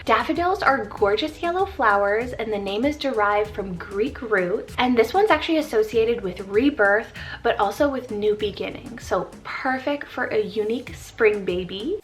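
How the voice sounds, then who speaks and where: Bubbly woman gushing over baby names. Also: a little high. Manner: bubbly and gushing, spells out each name. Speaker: host of a baby name channel. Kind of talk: casual scripted list video.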